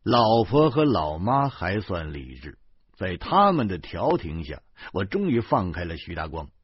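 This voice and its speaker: A man reading a novel aloud, telling the story in a lively way, in a dull lo-fi recording. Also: sits low, measured pace, slightly rough, no echo. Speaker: audiobook narrator. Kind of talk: scripted narration.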